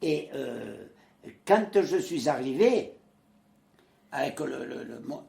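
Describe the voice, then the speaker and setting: Old guy in his 90s from marseille telling war stories, gravelly voice, echoey room. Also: medium pitch, slow pace. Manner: lively storyteller who acts out quoted voices, with frequent hesitations. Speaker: interviewee, former resistance fighter. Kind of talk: recounting wartime memories in conversation.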